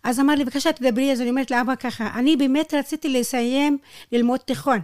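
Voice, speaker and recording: Speaking animated Hebrew in a high-pitched voice, a Bedouin woman who guides tours in the Negev recounts personal stories during an interview. She acts out quoted dialogue and makes non-native grammar slips; the recording is dry and studio quality.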